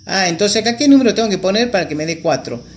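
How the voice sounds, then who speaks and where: A man's voice: sits high, animated, quick pace, a little hiss or hum. A man teaching a chemistry lesson, patiently explaining steps and checking in with his students. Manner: patient, checks with students, repeats key terms. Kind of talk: classroom lesson at a whiteboard.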